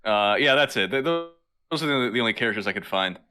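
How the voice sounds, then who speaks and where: A man co-hosting a podcast in casual chat, hesitant and quick to laugh. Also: fairly low pitch, expressive, over music. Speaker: podcast co-host.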